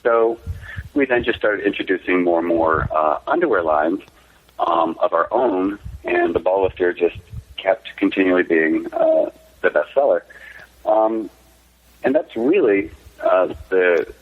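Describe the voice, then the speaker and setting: Man, company founder guest, low voice, husky, candid rambling storyteller, tinny phone line. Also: expressive, a little slow. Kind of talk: casual interview storytelling.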